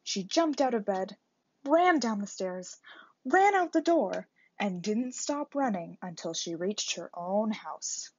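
A woman reading a storybook aloud for a library storytime, in an expressive read-aloud manner. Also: fairly high pitch, breathy edge, no room sound. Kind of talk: bilingual storybook narration. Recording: dull lo-fi recording.

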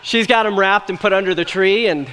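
A young pastor speaks from a church stage with a high, clear, resonant voice that has a sharp edge and a fairly quick pace. His sermon is earnest and conversational, with light jokes, and a long reverb from the large hall trails his words.

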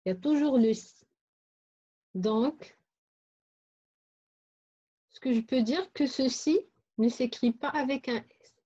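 A woman teaches phonics very slowly, spelling out and repeating each syllable for young pupils. Her voice sits a little high and sounds mellow. The recording is muffled and lo-fi. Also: husky. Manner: repeats words and syllables carefully for children. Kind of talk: slow, deliberate phonics lesson.

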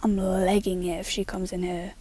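A woman giving casual gameplay commentary, mostly hushed and nervous, bursting loud when excited. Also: on the low side, normal speed, a little hiss or hum. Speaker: gaming YouTuber.

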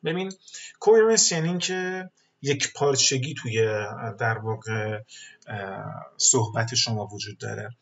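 Male webinar teacher, patient explainer with filler pauses, mid-pitched voice, dull lo-fi audio. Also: fairly bright tone. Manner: explains patiently, mixes English terms into speech, frequent filler pauses. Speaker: English teacher. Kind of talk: webinar lesson.

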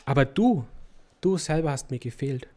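A man reads out a loving fatherly king from a children's story. The king speaks calmly and tenderly, reassuring a frightened child. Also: medium pitch, normal speed, close to an everyday voice.

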